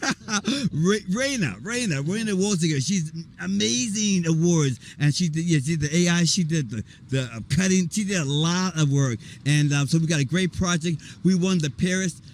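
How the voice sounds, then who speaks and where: Man, actor, rambling and excited, slightly high voice, faint background noise. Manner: excited, rambling, spells things out. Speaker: actor guest. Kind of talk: casual street interview. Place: outdoor volunteer event.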